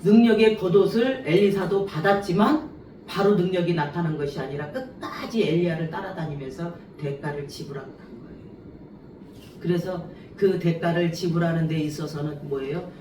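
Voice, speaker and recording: Animated woman preacher in an echoey hall. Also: lowish voice, normal speed, a little hiss or hum. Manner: animated, acts out quoted voices, laughs often. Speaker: revival preacher. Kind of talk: revival sermon with personal stories. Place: church sanctuary. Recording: echoey church hall, mic at a distance.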